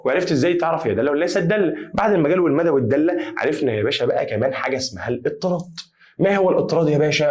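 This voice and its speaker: A man with an Egyptian accent teaching maths at a rapid clip. He talks to his students in a chatty, emphatic way and repeats key phrases over and over. His voice sits at a middle pitch. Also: darkish tone. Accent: Egyptian Arabic. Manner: chatty, addresses students as "ya basha"; repetitive, emphatic. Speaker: math teacher. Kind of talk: energetic whiteboard lesson.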